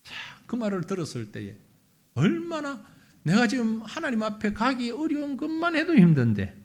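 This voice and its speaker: A man's voice: extremely high pitch, huge pitch swings, normal speed. A middle-aged male pastor preaching a sermon in a conversational way, asking his listeners questions and acting out the quotes.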